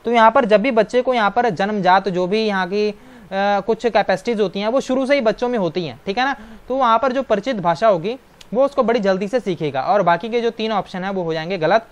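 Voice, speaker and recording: A man's voice: high-pitched, a little fast. Brief: male exam-prep tutor, patient explainer with constant tag questions. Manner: explanatory, keeps adding "right?" tag questions. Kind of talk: online exam-prep lecture.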